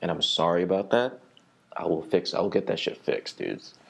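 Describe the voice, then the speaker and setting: A man's voice: low voice, very animated, moderate pace, creaky, breathy edge. A young man hosting a solo podcast from a small library conference room, chatting casually in a rambling, slangy, swearing style.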